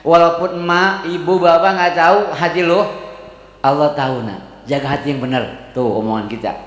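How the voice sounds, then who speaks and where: A man with a Betawi accent preaching in a mosque, reciting Arabic slowly and then explaining it in casual slang. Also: on the high side, fairly even intonation. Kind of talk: mosque sermon. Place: mosque hall. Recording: echoey mosque hall.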